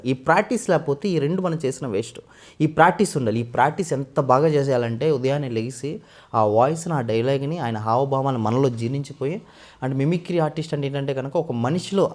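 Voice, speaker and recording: A man from West Godavari in India, a mimicry artist, telling his story in a casual interview and often addressing the interviewer as sir. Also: mid-range voice. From West Godavari, Andhra Pradesh. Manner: fast, animated storytelling with frequent sir.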